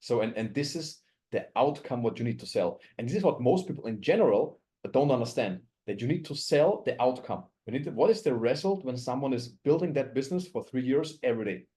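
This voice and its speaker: A man's voice: medium pitch, lively intonation, fairly quick, few pauses, dark tone. A man from Austria leading a network marketing coaching call, chatty and full of restarts, acting out quoted dialogue. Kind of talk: coaching talk in a group call.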